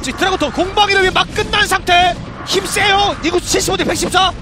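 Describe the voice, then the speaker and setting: A man working as an esports caster, giving excited, urgent play-by-play with exclamatory calls on a headset mic. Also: very high voice, fast talker, music in the background. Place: broadcast studio desk.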